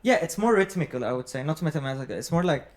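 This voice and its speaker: A man's voice: a little high, expressive, fast talker. A man in casual conversation, explaining things in an informal way. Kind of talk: casual conversation about music and culture.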